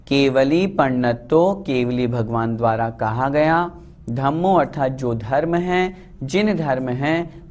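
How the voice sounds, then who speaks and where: A man teaching a religious text, reciting verses and explaining them word by word in a slow, deliberate way. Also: mid-range voice. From India. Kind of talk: scripture lesson with recitation.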